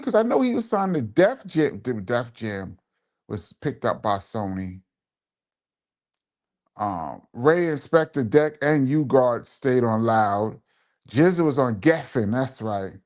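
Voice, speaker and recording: In a mid-range voice, a man hosting a live DJ stream chats easily, reading comments from viewers and recalling old times. He gives shout-outs and repeats phrases to drive them home.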